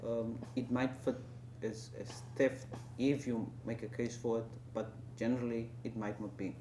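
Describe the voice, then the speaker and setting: A man asks his interview questions haltingly, restarting words and filling pauses with "uh". His mid-pitched voice rings in an echoey room over a faint hum. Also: little pitch movement. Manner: hesitant, restarts and "uh" fillers. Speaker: interview host.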